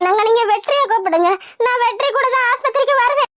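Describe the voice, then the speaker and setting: A whiny, pleading young wife in a cartoon, faking a chest pain to get her way, as a woman voices her. The voice sits very high and runs quick. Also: a bit bright, no room sound. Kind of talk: cartoon voice acting.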